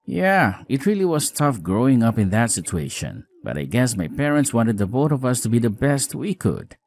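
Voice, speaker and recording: A man voices a worn-out newlywed husband who keeps apologizing in a scripted audio drama, earnest, expressive, caring and frank. His mid-range voice moves at a normal speed and sounds reassuring, with faint music behind him.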